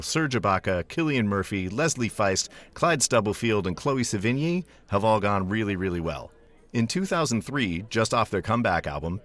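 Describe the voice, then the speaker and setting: A man's voice: on the low side, fairly bright tone. A man in his forties hosting a podcast, telling a scripted story with dry, self-deprecating humor. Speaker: podcast host. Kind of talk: scripted monologue intro.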